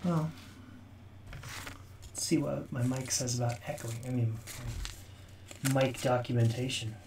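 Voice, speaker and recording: A relaxed man from New Jersey chats on a livestream while testing his mic. His voice comes through hollow and tube-like, as if he were speaking down a drain pipe. He sits back from the microphone in an echoey room, and his voice has a middle pitch. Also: takes it slowly, creaky, far from the mic, a little hiss or hum. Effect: hollow echo, as if talking through a drain pipe. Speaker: livestream host answering viewer questions. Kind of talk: casual livestream chat. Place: indoor room with a green screen.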